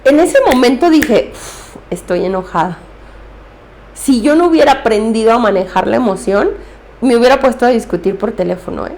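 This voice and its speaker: A woman's voice: a little high, brisk, a little mellow, slight background noise. A woman therapist, giving earnest, direct advice on handling emotions.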